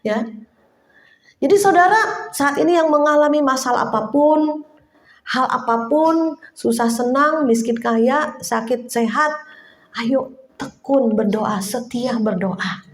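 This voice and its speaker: A woman's voice: high-pitched, slow pace, pauses often. A woman preaching a sermon at a prayer fellowship in a chatty, informal way, often stopping to hunt for words and calling her listeners brothers and sisters. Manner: conversational, addresses listeners as brothers and sisters, many fillers. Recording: roomy echo.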